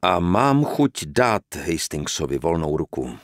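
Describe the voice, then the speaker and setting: A man voicing a cautious, reserved country gentleman who speaks slowly and gravely in an audiobook. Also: big pitch swings, dry recording, studio quality. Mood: grave, hesitant. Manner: slow, low, hesitant and grave. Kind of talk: audiobook character reading.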